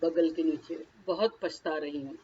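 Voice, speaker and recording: A woman's voice: low voice, fairly even intonation, unhurried, dark tone, muffled recording, a little hiss or hum. A woman leading a guided tapping session, naming each body point and then speaking a short first-person phrase for the listener to repeat.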